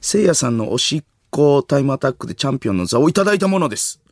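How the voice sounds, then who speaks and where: A man's voice: medium pitch, racing, no room sound. A young man with a Kansai accent, co-hosting late-night radio, joking and reading listener mail aloud in a studio. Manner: lively, jokey, reads listener mail aloud. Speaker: radio show co-host. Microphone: studio mic.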